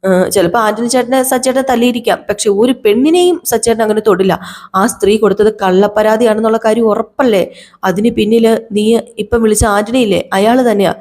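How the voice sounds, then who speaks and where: A woman's voice: fairly high pitch, fairly even intonation, fast, darkish tone, natural voice. A woman voicing an earnest middle-aged mother in a TV serial who pleads her son's innocence. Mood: pleading.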